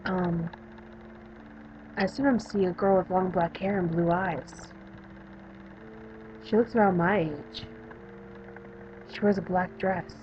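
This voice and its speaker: Shy young girl patient from a story game, soft and halting, a little lower and quieter than usual, as a woman puts her on, on a dull mic with faint hiss. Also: fairly even intonation. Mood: hesitant.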